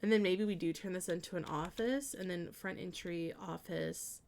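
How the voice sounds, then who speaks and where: A woman with a lowish, creaky voice and a darkish tone talks at normal speed while live-streaming a life-sim game. She chats casually with viewers as she plans out a house, thinking aloud in a hesitant, meandering way with many trailing restarts, and turns chatty and friendly when greeting and answering them.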